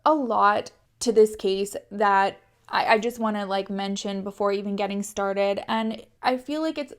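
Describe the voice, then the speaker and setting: A woman's voice: medium pitch, a little slow. A young Canadian woman hosting a true crime channel, a little congested and sniffly, talking in an earnest, heartfelt, chatty way. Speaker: true crime YouTuber host. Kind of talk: casual chat to camera.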